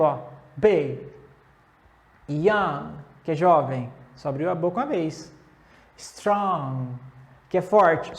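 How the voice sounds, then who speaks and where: A Brazilian woman teaching English comparisons. She says the English examples slowly, then explains quickly in Portuguese. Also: mid-range voice, a little mellow. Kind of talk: classroom lesson.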